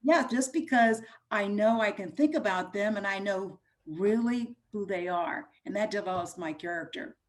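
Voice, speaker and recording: A woman's voice: medium pitch, moderate pace, few pauses. A woman who teaches voice-over, chatting easily as a guest over a video call, her phrases loose and trailing. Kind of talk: casual interview chat.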